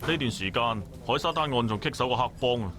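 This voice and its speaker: A man's voice: mid-range voice, quick pace, fairly bright tone, soft background music, lightly acted. A man voicing a stern, demanding police superior in a visual novel, curt in manner.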